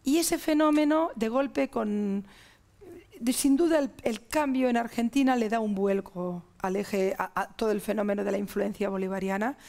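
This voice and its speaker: Emphatic Spanish woman with a gravelly voice. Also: a little high, moderate pace, a little mellow. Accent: Spanish (Spain). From Spain. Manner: emphatic, listing ideas in long chains. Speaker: guest. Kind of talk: TV interview.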